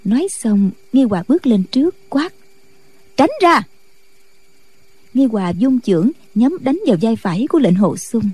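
Woman audiobook narrator, steady storytelling, somewhat high, dark timbre. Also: fairly quick, few pauses, slightly rough. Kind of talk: storytelling narration of a martial-arts novel.

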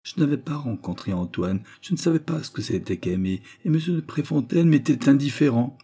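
A pleading, earnest young woman, voiced by a man reading a storybook aloud. She speaks up high and a little husky, her tone warm. Her words come urgent and sincere. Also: expressive, brisk.

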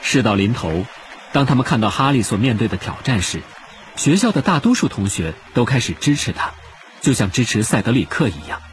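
A man narrating an audiobook with expressive storytelling. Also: medium pitch, brisk, a little hiss or hum. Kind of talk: scripted narration.

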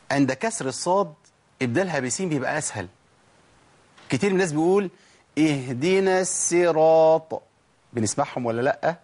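A husky, slightly high-voiced man with an Egyptian Arabic accent teaches Quran recitation at a brisk clip. He keeps throwing out rhetorical questions and answering them, then stretches out single syllables to model the sounds. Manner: slows to drawn-out syllables when demonstrating pronunciation. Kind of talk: spoken tajweed lesson.

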